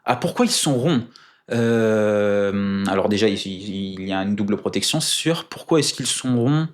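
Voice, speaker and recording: A man's voice: on the low side, lively intonation, measured pace. A man being interviewed in casual chat, speaking in a careful, formal way with many hesitations, precise with numbers and dates. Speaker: guest.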